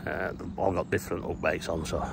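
A deep-voiced angler vlogs casually to camera with a level tone and brisk delivery, speaking plainly and trailing off with frequent "uh"s. He records on a phone held at arm's length, outdoors by a lake and inside a fishing shelter at night, with outdoor background noise clearly audible.

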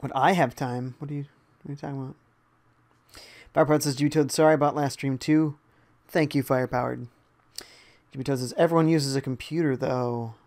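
A man's voice: medium pitch, steady tone, fairly quick, long pauses, a little mellow. A young man casually commentating a live game stream, reading viewer chat aloud and reacting to the gameplay. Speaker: gaming streamer.

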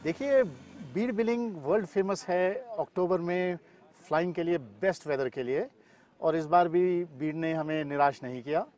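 A middle-aged man speaks at normal speed in a slightly high, darkish voice while answering interview questions outdoors, peppering them with English terms. As a paragliding pilot and the event's weather expert, he's the guest here. The setting is an open grassy field in the mountains, and the recording clearly picks up outdoor ambient noise.

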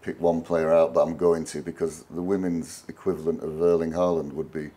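A man's voice: a bass voice, little pitch movement, brisk, mellow. A man interviewing a club chairman, asking leading, conversational questions.

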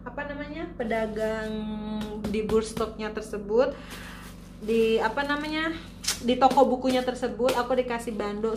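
A woman's voice: fairly high pitch, a little mellow, roomy sound. A woman from Indonesia chatting casually in a vlog, showing things she bought to the camera. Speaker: vlogger.

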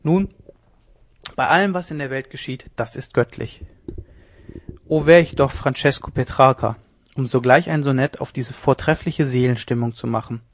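A man's voice: medium pitch, normal speed, natural voice. A man reading an audiobook, voicing a reckless, mocking young lieutenant who talks in an exuberant, theatrical way. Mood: teasing. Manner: exuberant, theatrical, loudly teasing.

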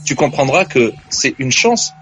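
A man's voice: mid-range voice, sing-song, unhurried, fairly bright tone. Earnest male caller giving advice. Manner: earnest, insistent, hesitant restarts. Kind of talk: phone-in advice.

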